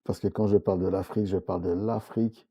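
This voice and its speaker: A comics author from Congo-Brazzaville speaks earnestly as a guest in a casual interview. His voice is low, warm, steady, and slightly rough, and he talks fast, with frequent restarts and fillers, often agreeing.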